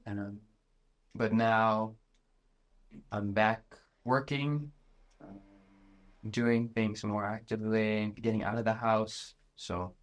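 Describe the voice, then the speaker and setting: A man's voice: lowish voice, steady tone, slow pace, pauses often. Shy young man from the Netherlands. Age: 20s. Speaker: guest. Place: sitting room with other guests.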